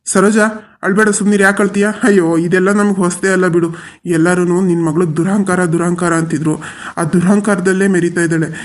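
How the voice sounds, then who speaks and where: An actor voicing a weary, resigned middle-aged father in a cartoon, who talks slowly and consoles his wife. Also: mid-range voice, little pitch movement, natural voice. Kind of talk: cartoon voice acting.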